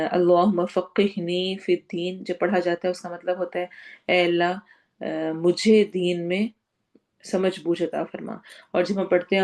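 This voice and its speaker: Woman teaching tajweed, kinda low voice, breaks each word down slow, throws in english words. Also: a little mellow. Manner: explains word by word, drawing out recited words slowly; mixes English words into Urdu. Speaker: Quran teacher. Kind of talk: Quran lesson with tajweed and translation.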